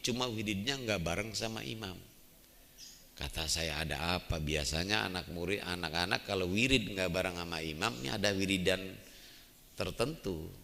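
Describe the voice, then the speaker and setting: An older man preaching a storytelling sermon in a mosque, talking lively and turning to his listeners with "Pak". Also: low-pitched, creaky, a little hiss or hum. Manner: lively, addresses the men as "Pak". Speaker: Islamic preacher. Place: mosque hall. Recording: long echo of a mosque hall.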